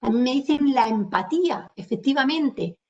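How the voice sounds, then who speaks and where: High-voiced Andalusian woman teaching online. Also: lively intonation, darkish tone. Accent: Andalusian Spanish. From Andalusia, Spain. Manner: explanatory, addresses audience directly, slows to stress key words. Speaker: webinar presenter on communication skills. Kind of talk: online lecture. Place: home. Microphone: computer mic on a video call. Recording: distant, dull webinar audio.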